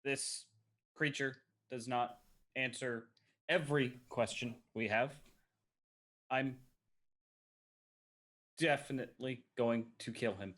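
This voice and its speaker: A man's voice: mid-range voice, steady tone, slow pace, pauses often, fairly bright tone. Man playing a blunt tabletop character. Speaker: player. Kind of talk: casual tabletop game chat.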